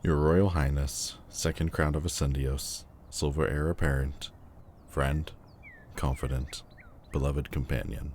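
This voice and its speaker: A man playing a lovelorn lord general, voicing a farewell letter in a formal, slow, yearning way in an audio roleplay. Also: a bass voice, little pitch movement, a little mellow, a little hiss or hum. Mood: solemn yearning.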